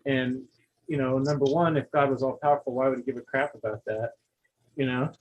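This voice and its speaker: A man's voice: medium pitch, fairly even intonation, brisk, slight background noise, poor audio. A man in casual chat, thinking aloud and musing with questions.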